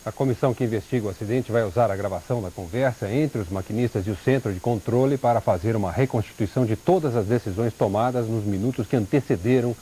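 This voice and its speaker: Brazilian male anchor, scripted delivery, warm mid-pitched voice, slight hiss. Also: quick pace, hardly any pauses, poor audio. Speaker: TV news anchor. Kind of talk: scripted news reading. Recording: faint tape hiss.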